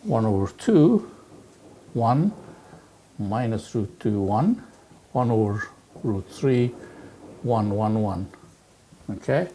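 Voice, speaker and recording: A man lecturing on physics, working through exercises aloud in a halting way and peppering his talk with "okay" and "right". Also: on the low side, animated, mellow, slight background noise. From Turkey. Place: lecture hall.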